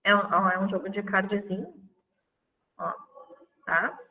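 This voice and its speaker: A woman's voice: medium pitch, steady tone, measured pace, pushed and bright, big-room sound, far from the mic, muffled recording. A woman teacher, walking colleagues through classroom games in an online lesson, chatty and full of fillers. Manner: chatty, demonstrates games on screen with many fillers.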